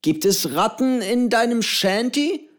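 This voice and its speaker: A man's voice: very high voice, animated, measured pace, voice pushed up. A male narrator voicing a jolly, eccentric old pirate who cooks on an island, speaking with a hearty manner. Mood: jovial.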